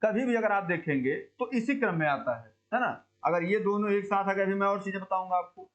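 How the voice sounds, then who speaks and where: A Hindi teacher leads an exam coaching lesson, quizzing students and slowly repeating words to drill their pronunciation. He's chatty, calls listeners brother, and his voice sits high and a bit bright.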